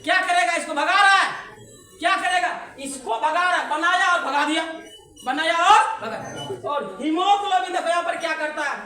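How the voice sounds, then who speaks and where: A woman's voice: very high-pitched, normal speed, sharp tone, roomy sound, faint music behind. A woman science teacher, giving an online class in a playful call-and-response way and laughing often.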